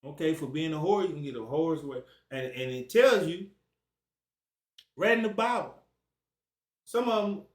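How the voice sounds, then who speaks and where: Man preaching Bible study, casual slang, scripture read aloud, higher voice, echoey room, far from mic. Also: lively intonation, normal speed, pauses often. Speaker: Bible teacher. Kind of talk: informal Bible study sermon.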